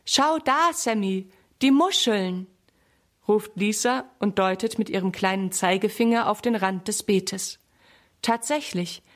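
Woman reading a children's story. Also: medium pitch. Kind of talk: children's story read aloud.

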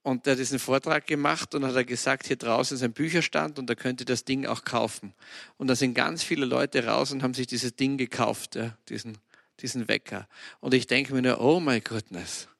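A man gives a casual devotional podcast talk, telling lively stories and dropping in English exclamations. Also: mid-range voice, fairly quick, gravelly, dry recording, clean studio sound. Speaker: podcast host.

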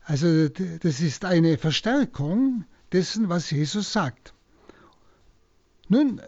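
A man, a priest, slowly and deliberately explaining a Bible passage on a radio broadcast. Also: on the high side, a little mellow, no echo, muffled recording. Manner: slow, deliberate teaching. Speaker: priest giving a Bible talk.

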